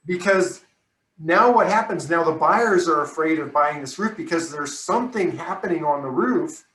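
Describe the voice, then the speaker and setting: A man, a roofing contractor, talking casually in a conversation, often checking agreement with a quick "right?". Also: a little high, fairly bright tone, distant mic. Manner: chatty, tags statements with "right?". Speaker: roofing contractor hosting the talk. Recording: roomy sound from off the mic.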